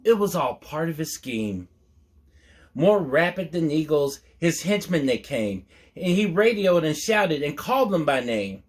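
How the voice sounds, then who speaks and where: With a fairly high voice and a very leisurely, measured pace, a male storyteller reads a picture book aloud. He is very animated and playful, putting lots of expression into the rhymes and chatting with listeners through casual, folksy asides.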